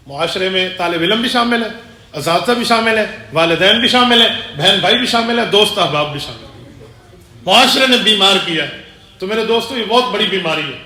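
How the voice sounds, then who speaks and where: A man's voice: high voice, animated, sharp tone, roomy sound. A man delivering a sermon-style lecture as a religious teacher, asking rhetorical questions and repeating phrases for emphasis. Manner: acts out dialogue while telling stories.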